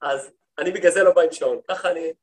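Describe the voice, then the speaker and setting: Guy rabbi teaching a women's class, fairly high voice, storyteller, keeps asking the room stuff. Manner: lively storytelling, acts out quoted speech; talks to the listeners, asks them questions. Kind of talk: lecture to a women's study group.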